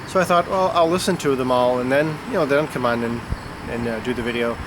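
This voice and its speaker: Outside on a summer afternoon, with insect and traffic noise in the background, a Chicago-area man who collects records talks music to the camera in a loose, unscripted way. His nose is stuffed up, his mid-range voice moves a little fast, and he rambles with many fillers.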